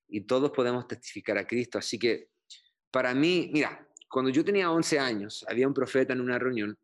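A middle-aged man from Chile speaking as a pastor in an interview, with a low-pitched voice. He tells his story earnestly, pausing often and restarting his sentences with fillers. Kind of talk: interview testimony.

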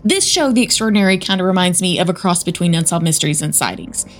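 A woman's voice: on the low side, expressive, fast talker, soft background music. A woman with a Southern American accent, co-hosting a podcast and chattily retelling a spooky story. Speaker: podcast co-host. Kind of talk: casual storytelling chat.

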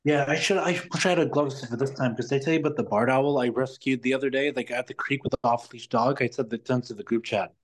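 A man's voice: medium pitch, fast talker, few pauses, a little hiss or hum. Rambling, exasperated man telling a story. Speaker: podcast guest. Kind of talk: casual storytelling.

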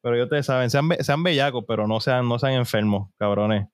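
A man's voice: medium pitch, brisk, no echo, clean studio sound. A man, co-hosting a podcast in joking casual chat and switching into English slang. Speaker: podcast co-host.

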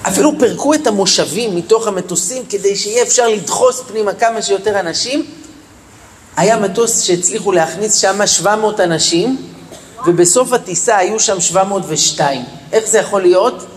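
A man telling a story to schoolchildren in a school, animated and asking them questions. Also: high voice, big-room sound, slight background noise. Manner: animated, asks the children questions. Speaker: storyteller speaking to children. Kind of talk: storytelling talk for children. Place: school in Israel, large room.

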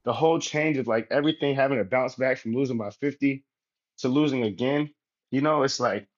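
This relaxed American guest, a pro basketball player, rambles through a casual interview, leaning heavily on fillers such as "you know." He speaks briskly in a middling pitch. The recording sounds a bit muffled and lo-fi.

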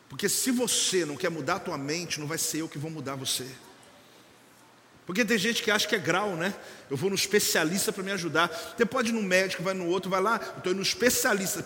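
A man preaching a lively sermon as a church leader, joking with the congregation and acting out members and a doctor. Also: high voice, in a large hall, slight background noise. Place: church service.

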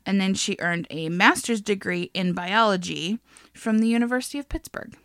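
Young woman podcast host, bright, dry close mic, casual storyteller who laughs and swears. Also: mid-range voice, normal speed, no echo. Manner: laughs often, swears, chatty. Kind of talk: casual chat, telling a biography.

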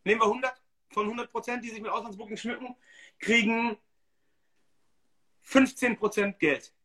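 Blunt, slangy man, high bright voice. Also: moderate pace, slightly rough. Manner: blunt, emphatic, slangy, animated. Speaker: DJ and podcast host. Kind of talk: casual livestream podcast chat.

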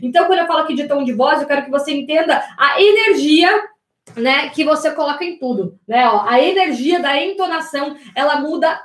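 A Brazilian woman mentor giving an energetic online class, talking straight to her viewers and asking them rhetorical questions. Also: high voice, fairly quick, echoey room. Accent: Brazilian Portuguese. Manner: energetic, addresses audience as "gente", asks rhetorical questions. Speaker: business and communication mentor.

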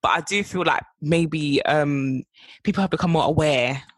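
A woman's voice: sits low, normal speed, no echo. A young woman, chatting casually as a podcast co-host, often laughing and trailing off mid-sentence. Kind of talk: casual chat.

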